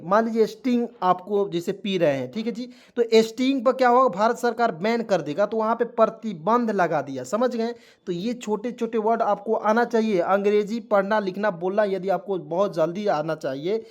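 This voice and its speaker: A man teaching English phonics in Hindi, coaxing viewers to watch closely and spelling words out letter by letter. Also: high-pitched. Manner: repetitive, coaxing, keeps saying "dekhiyega dosto".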